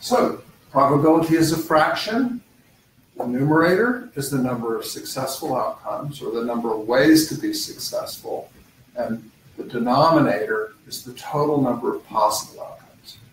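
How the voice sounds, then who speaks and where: A middle-aged man leads a math skills session in a campus learning center, explaining things step by step and filling pauses with "uh" and "um." He sounds set back from the microphone, and the room gives his voice a noticeable echo. A faint hum sits underneath. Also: medium pitch. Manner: unhurried, explaining step by step with frequent "uh" and "um" fillers. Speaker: math tutor. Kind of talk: live-streamed skills session lecture. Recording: roomy, mic at a distance, faint background hum.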